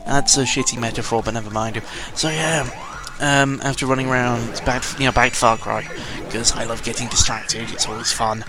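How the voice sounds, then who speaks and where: With a mid-range voice, steady tone and few pauses at normal speed, a British gaming vlogger rambles through his commentary. He swears, goes off on tangents and corrects himself, all over background music.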